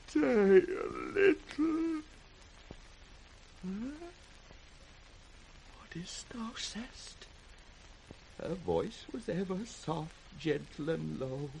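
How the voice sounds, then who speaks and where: An actor playing an aged, grief-maddened king in British radio Shakespeare, raging and tender by turns with declamatory, drawn-out delivery. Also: fairly high pitch, creaky, a little mellow, full character voice. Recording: noisy vintage radio recording.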